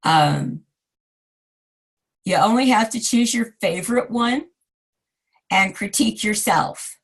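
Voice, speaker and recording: A hoarse woman in her forties with a mid-range voice and lively intonation takes it slowly in a recorded design lecture. The design instructor is chatty and self-deprecating, tossing asides to her students.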